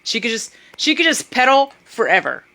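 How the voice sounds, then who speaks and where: A woman's voice: fairly high pitch, normal speed, gravelly. A young woman animatedly telling a comic travel story to her camera. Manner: animated, puts on voices for others. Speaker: vlogger. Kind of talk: casual storytelling.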